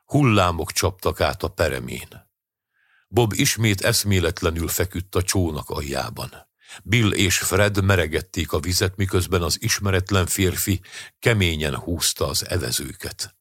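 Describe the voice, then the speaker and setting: A man narrating an audiobook story in a measured, even way. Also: low-pitched, no room sound, clean studio sound.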